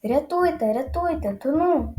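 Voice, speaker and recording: A woman's voice: a little high, lively intonation, moderate pace, warm tone, reverberant, close to an everyday voice. A woman doing a whiny, sobbing village boy. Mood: panicked pleading.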